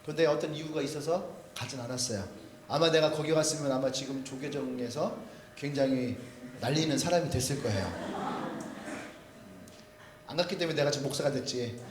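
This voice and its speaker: A man's voice: medium pitch, a little fast, pauses often, echoey room, background noise. A male pastor giving a humorous storytelling sermon, acting out quoted voices. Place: church sanctuary.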